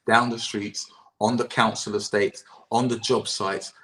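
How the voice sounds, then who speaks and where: A man with a fairly low voice speaks earnestly as an interview guest. He often restarts his sentences and trails off with "et cetera". He talks over a video call. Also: level tone, unhurried, a bit bright, poor audio. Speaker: guest, campaign chair. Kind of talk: political interview.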